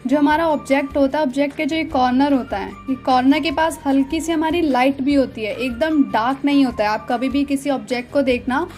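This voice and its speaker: A woman's voice: high voice, brisk, hardly any pauses, a little mellow, soft background music. A woman, explaining a pencil shading lesson step by step as an art teacher. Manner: explains step by step with repeated "dekhiye" and "theek hai". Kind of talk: drawing lesson narration.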